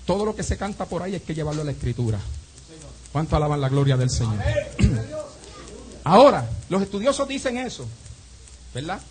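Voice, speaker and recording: High-voiced pastor preaching with fiery swings. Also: male voice, sing-song, normal speed, pauses often, a little mellow, low-quality recording. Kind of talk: evening church sermon. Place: church.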